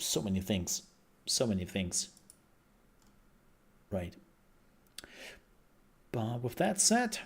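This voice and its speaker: A male streamer chats through a live reaction stream in an unhurried, meandering way. He thinks aloud and circles back over his own phrases in a lowish voice. His voice sounds worn from hours of talking. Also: husky.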